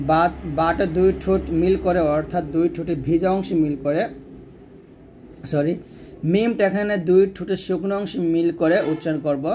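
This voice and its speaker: A man teaching Quran reading, drawing out each letter in slow step-by-step drills. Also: fairly high pitch, dark tone, a little hiss or hum. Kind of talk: step-by-step recitation lesson.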